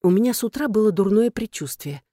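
Audiobook narrator, woman, earthy and frank, mellow tone, dry close recording. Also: mid-range voice, animated, fast talker, no echo. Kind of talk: first-person scripted narration.

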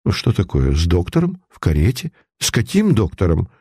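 A man reading the lines of a middle-aged mother in a storybook, in a low, soothing tone. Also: huge pitch swings, normal speed, a little mellow, breathy edge, no echo, studio quality, exaggerated voice. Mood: bewildered. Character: middle-aged mother, calm then bewildered.

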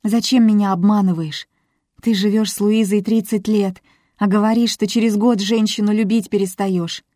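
Woman doing a defensive young woman, higher, earnest, dry sound. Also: fairly even intonation, moderate pace, dark tone, no echo, close to an everyday voice.

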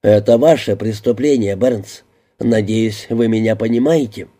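A man's voice: lowish voice, unhurried, dark tone. A man reading an audiobook voices a stern, demanding male police chief who questions coldly. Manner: cold interrogating questions.

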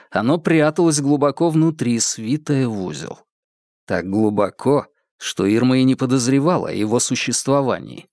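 A man's voice: mid-range voice, darkish tone, no echo, studio quality. A man reading a novel aloud as an audiobook narrator. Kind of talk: scripted narration.

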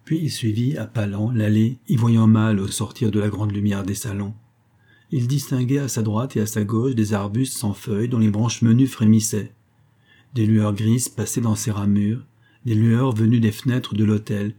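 A man narrating a classic French novel as an audiobook, in a measured, even storytelling voice. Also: fairly low pitch. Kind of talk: literary audiobook reading.

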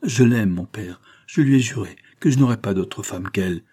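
A man playing a hot-blooded young nobleman, pleading and vehement, in a voice lifted above the reader's low tone. It keeps a breathy, mellow grain. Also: normal speed. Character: young male nobleman, passionate, stubborn lover.

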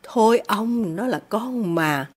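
A woman's voice: medium pitch, lively intonation, slow pace, husky. A woman doing a meek pleading mother. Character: timid pleading middle-aged mother.

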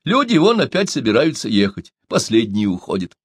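A man's voice: mid-range voice, wildly swooping pitch, a little fast, breathy edge, no echo, studio quality. A man voicing a know-it-all villager who lectures and scolds. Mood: lecturing.

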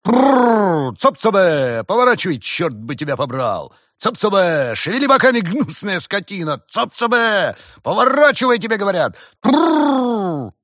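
A man voicing a gruff old farmer who bellows at his oxen, rolling his r's. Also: medium pitch, expressive, moderate pace, few pauses, fairly bright tone, no echo, clean studio sound, voice pushed up. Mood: bellowing. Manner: hoarse bellowing, rolled-r calls.

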